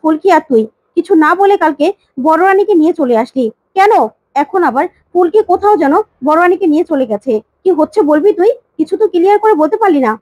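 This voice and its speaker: A woman's voice: very high-pitched, lively intonation, fast talker, darkish tone, no room sound, muffled recording. A woman voicing a worried scolding mother. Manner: pleading, scolding. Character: worried mother scolding her grown son.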